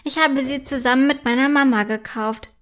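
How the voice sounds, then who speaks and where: A woman's voice: sits high, steady tone, a little fast. A woman voicing a kind, caring little girl in a children's story. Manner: caring, gentle.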